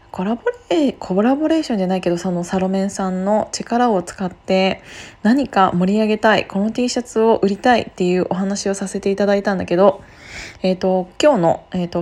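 Hushed, mellow woman chatting casually. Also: medium pitch. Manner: keeping voice down, speaking softly in a place needing quiet; informal, chatty explaining with frequent hesitations and drawn-out fillers. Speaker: radio show host, apparel designer. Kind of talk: casual solo radio chat.

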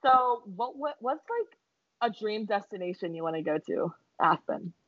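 A woman's voice: mid-range voice, lively intonation, moderate pace, dry recording. A young woman co-hosting a podcast, chatting casually, giggly and swearing freely. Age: young adult. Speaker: podcast co-host. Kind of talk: casual chat. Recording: dull lo-fi sound.

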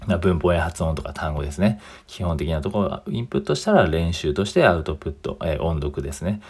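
A man's voice: low voice, lively intonation, quick pace, darkish tone, slightly rough. A young Japanese man talking casually on his own as a podcast host, rambling with many fillers and self-corrections. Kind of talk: casual solo talk.

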